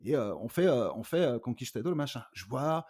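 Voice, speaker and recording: A middle-aged man, a rap artist, telling stories in a casual interview, animated and acting out the people he quotes. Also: medium pitch, fairly quick, slightly rough. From France. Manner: animated, acts out quoted dialogue, frequent fillers.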